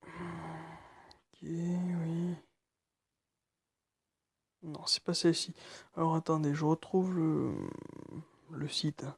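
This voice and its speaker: A nervous man walking through a phone tutorial, speaking quietly and haltingly with many fillers. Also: fairly high pitch, level tone, gravelly, husky, dry recording. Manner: speaking quietly late at night. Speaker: tutorial maker. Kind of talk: screen-recorded phone tutorial.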